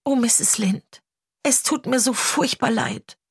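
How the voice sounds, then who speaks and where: A woman's voice: mid-range voice, unhurried, vocal fry, breathy edge, no echo, studio quality. A woman reading an audiobook, voicing a chatty, dramatic orphan girl in a trembling, gushing way. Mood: pleading.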